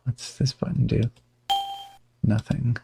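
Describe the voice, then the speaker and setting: A man live-streams a card game, chatting casually and humming and muttering to himself as he plays. His voice is medium-pitched, gravelly, and relaxed, and he takes things slowly, with slight background noise.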